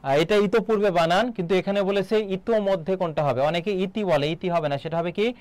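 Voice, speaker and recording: Smooth-voiced man teaching a quiz class. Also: sits high, quick pace, a little mellow, no room sound. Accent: Bangladeshi Bengali. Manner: quizzing students with questions and repeating answers. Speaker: Bangla teacher. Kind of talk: live online exam-prep class.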